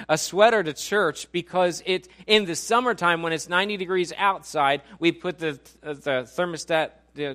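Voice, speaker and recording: Quizzing his congregation and cracking jokes, a pastor in his 40s delivers a sermon in a relaxed, conversational manner in a church auditorium. He has a fairly high, fairly bright voice.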